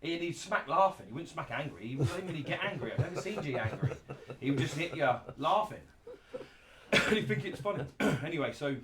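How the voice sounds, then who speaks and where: A man's voice: mid-range voice, very noisy. A man telling casual anecdotes as a show host. He is blunt and sweary and laughs through his stories.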